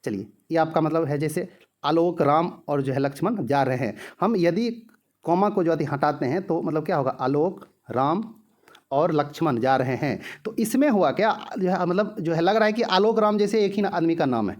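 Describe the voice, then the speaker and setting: Male tutor, slightly higher voice, filler-heavy explainer, asks and answers his own questions. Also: lively intonation. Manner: heavy use of filler "jo hai", rhetorical questions answered himself; repeats example sentences slowly. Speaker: teacher. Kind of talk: exam-prep grammar lesson.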